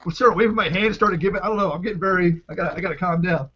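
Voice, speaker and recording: A man on a podcast, chatting casually in an excitable, profane way and repeating himself when worked up. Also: high-pitched, very fast. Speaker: podcast co-host. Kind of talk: casual chat. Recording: dull lo-fi call audio with faint hiss.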